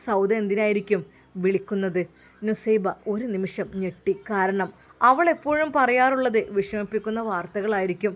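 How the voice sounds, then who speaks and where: A woman's voice: medium pitch, normal speed. A woman with a Malappuram Malayalam accent narrating a serialized family story, closing with religious greetings.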